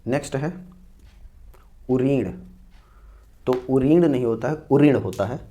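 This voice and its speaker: A man's voice: mid-range voice, mellow. A man teaching an exam-prep Hindi spelling lesson, repeating each word and explaining it step by step. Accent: North Indian Hindi. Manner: explains slowly, repeating each word and saying "dekhiye" and "theek hai".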